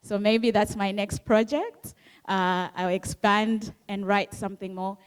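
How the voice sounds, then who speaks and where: A woman from Zambia whose first language is Bemba speaks about her own book at a book club, earnest and reflective, repeating key phrases. Her mid-range voice is smooth and unhurried.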